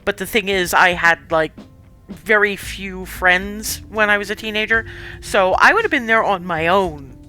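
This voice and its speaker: A woman's voice: medium pitch, a little slow, pushed and bright, soft background music. A woman streamer giving casual, wry commentary while reading a story game aloud. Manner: chatty, wry asides, swears.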